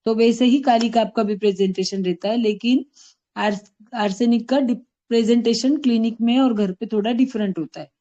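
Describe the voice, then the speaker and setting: A fairly high, mellow-toned woman from Maharashtra talks through a patient case as a homeopathic doctor. Her delivery is thoughtful and explanatory, with frequent self-corrections. The audio is dull and lo-fi, like an online call. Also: fairly even intonation, normal speed. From Maharashtra, India.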